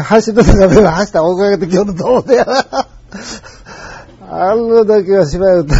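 Gravelly older man with Kansai accent. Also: fairly high pitch, dark tone, dry recording, highs cut off. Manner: rambling, chuckling anecdotal telling. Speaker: storyteller. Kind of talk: casual spoken reminiscence.

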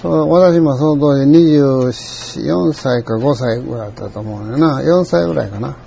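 An older man with a Kansai accent telling a rambling, reflective story in a folksy way, often clearing his throat. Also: medium pitch, normal speed, warm tone, lo-fi sound, slight background noise. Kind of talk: reflective monologue.

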